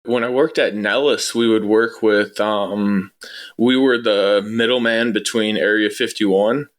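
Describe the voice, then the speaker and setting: Unhurried and steady, his lowish voice carries through a casual interview. The guest, a former air traffic controller, answers questions in a conversational, matter-of-fact way.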